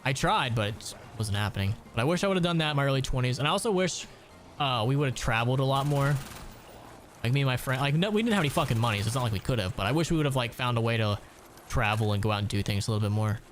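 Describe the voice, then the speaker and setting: A man's voice: mid-range voice, lively intonation, fast talker, slight background noise. A man in his late twenties from Ohio, chatting casually and profanely while gaming on a stream. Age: late 20s. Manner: rambling, profane storytelling.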